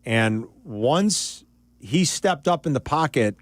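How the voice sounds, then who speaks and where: A man hosting sports talk radio, excitable and animated as he breaks down a game. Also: mid-range voice, slow, dry recording.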